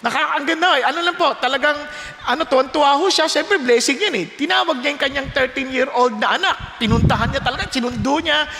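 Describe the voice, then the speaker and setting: A man preaching a sermon as pastor, telling stories in an animated way that often climbs in pitch and volume. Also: fast talker, long reverb tail, slight background noise.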